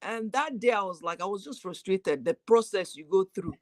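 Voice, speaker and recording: A woman guest talks over a remote call in a lively, chatty way and laughs easily. Her voice comes through dry and close, with no room sound around it. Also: mid-range voice, moderate pace, no echo. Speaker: guest YouTuber. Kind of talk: casual live chat.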